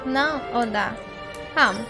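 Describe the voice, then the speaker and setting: A young Brazilian woman chatting casually as a cute anime-style VTuber streamer, excitable and gushing as she plays a game. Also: on the high side, a little slow, gravelly. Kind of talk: casual live game-stream commentary to chat. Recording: game music behind. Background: video game music.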